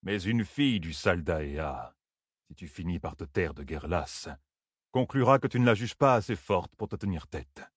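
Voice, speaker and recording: A man voicing a weathered, wary older woodsman who talks low and wryly. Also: expressive, moderate pace, slightly rough, dry recording, clean studio sound. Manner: low, muttering, wry.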